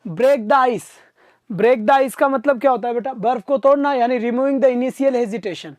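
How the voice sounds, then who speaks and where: A man teaching an exam-prep vocabulary class live online, coaxing his students to answer quickly and replying to their comments. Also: extremely high pitch, no echo, clean studio sound. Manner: reads out viewer comments and answers them.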